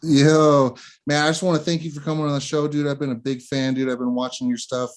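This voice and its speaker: A man's voice: fairly high pitch, little pitch movement, fairly quick. A man hosting a casual interview, talking in a laid-back way with lots of slang fillers. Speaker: interview host.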